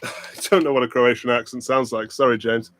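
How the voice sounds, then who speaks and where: A man with a British RP accent runs a pub quiz livestream, trading playful jokes and banter with the chat. His mid-range voice is a bit bright and delivered flatly at a fairly quick clip, with a little hiss or hum in the recording.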